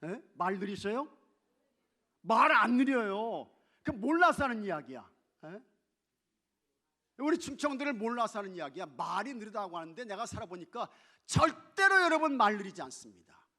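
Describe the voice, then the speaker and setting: A man preaching a sermon as pastor, shifting from loud exclamations to hushed asides and playfully mimicking regional dialects. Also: high voice, very animated, normal speed. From not from Chungcheong. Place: church sanctuary.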